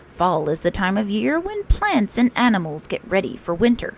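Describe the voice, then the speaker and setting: A woman's voice: medium pitch, big pitch swings, moderate pace, gravelly, slight background noise. A woman voicing a fussy, bossy male storybook rabbit who scolds and instructs emphatically. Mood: scolding, instructive.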